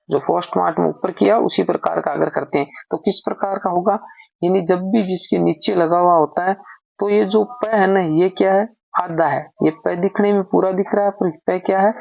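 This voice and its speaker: A man's voice: sits high, fairly even intonation, moderate pace, creaky, a little mellow, dry recording. A man teaching a grammar lesson, patiently asking questions and answering them himself. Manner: patient, asks then answers own questions. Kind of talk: explaining lesson while writing. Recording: dull lo-fi recording.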